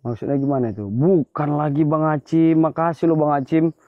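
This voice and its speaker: A man's voice: fairly high pitch, steady tone, a little fast, no room sound. A man hunting ghosts in a cemetery at night, exclaiming as he points things out, recorded on a phone. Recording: slightly dull lo-fi phone audio.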